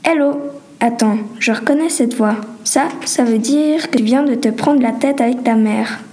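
A woman voicing a lively, bossy teenage girl who talks in quick exclamations. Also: a little high, close to an everyday voice. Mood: excited.

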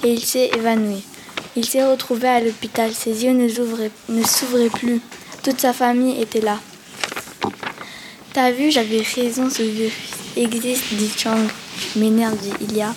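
A woman's voice: on the high side, flat delivery, measured pace. A young female student reading her own short story aloud, with small restarts. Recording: audible background noise.

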